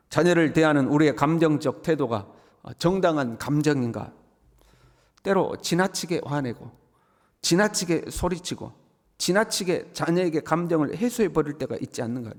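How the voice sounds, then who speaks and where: A male pastor delivers an early-morning sermon and keeps putting rhetorical questions to his listeners. His voice sits a little high for a man. A long hall reverb trails after his words. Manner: preaches with rhetorical questions to the congregation.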